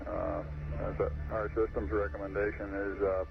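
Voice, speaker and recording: A man's voice: on the low side, flat delivery, moderate pace, vocal fry. A man working as mission control, speaking in clipped radio procedure with "uh" fillers, heard over a breaking-up space radio transmission. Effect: crackly, breaking-up space radio transmission. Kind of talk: terse radio procedure talk. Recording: muffled, hissy archival radio.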